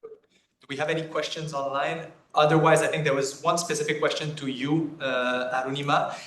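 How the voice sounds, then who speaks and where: A man moderating a question session, speaking in a halting way and passing questions on to panelists. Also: on the high side, little pitch movement, fairly bright tone. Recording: echoey room with clear background noise.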